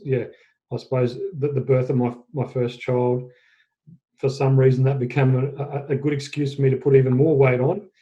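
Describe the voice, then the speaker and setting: An Australian man in his forties with a very dark, mellow voice that stays flat in pitch. He tells his story as a podcast guest, halting and correcting himself. The audio is dull and lo-fi. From Australia, central Queensland. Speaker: guest, fitness business owner. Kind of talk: casual interview storytelling.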